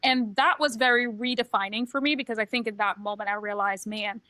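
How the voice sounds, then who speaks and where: A woman's voice: on the high side, fairly even intonation, brisk, bright, forceful tone, dry recording. A middle-aged woman from Trinidad and Tobago, co-hosting a podcast and telling her own story in a candid, reflective way. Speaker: podcast co-host, transition coach. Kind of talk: casual podcast chat.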